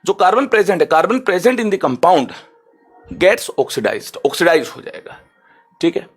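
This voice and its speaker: In an online chemistry lecture, a man with a high, slightly rough voice teaches in a lively, chatty way. He slows down to give careful definitions in English and checks in with his students often.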